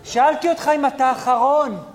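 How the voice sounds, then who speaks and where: High-voiced man with exasperated retorts. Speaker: comedian. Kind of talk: live comedy sketch.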